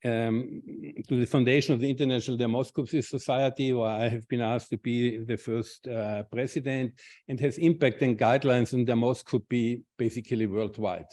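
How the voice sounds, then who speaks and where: An Austrian clinician researcher, invited to give a conference talk with slides, speaks haltingly, restarting often and repeating words. His mid-range voice is dark in tone with fairly even intonation.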